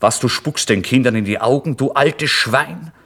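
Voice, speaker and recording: Casting: a man reading a blunt, gruff innkeeper in a radio play, low voice. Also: level tone, moderate pace, sharp tone, exaggerated voice. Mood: angry. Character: gruff male innkeeper, short-tempered.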